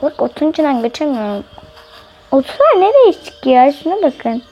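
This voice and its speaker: A woman doing let's play commentary as host of a gaming channel, chatty and excitable, talking straight to her viewers and often shrieking. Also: sits high, normal speed, dull audio, faint music behind. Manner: excitable, often shrieks and laughs while playing; chatty, keeps addressing viewers directly.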